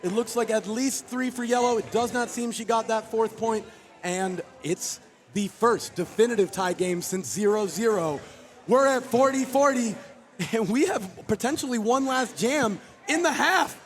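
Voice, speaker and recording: High, hoarse male derby commentator. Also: normal speed. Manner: excitable, voice cracking up high when thrilled. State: voice worn out, going hoarse. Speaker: roller derby play-by-play commentator. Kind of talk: live sports commentary. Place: roller derby arena, crowd around. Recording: live arena with clear crowd noise. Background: crowd noise.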